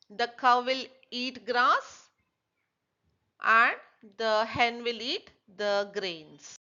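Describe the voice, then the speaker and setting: A woman teacher walks young children through a textbook lesson at a very slow pace. Her voice is bright and fairly high. The recording sounds a little dull. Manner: slow, asks and answers her own questions.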